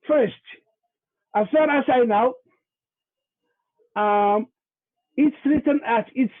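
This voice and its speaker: Speaking in a very high voice, a man with a Somali accent, Somali being his native language, delivers a halting presentation packed with fillers and repeated words. It's heard through tinny, phone-like video call audio.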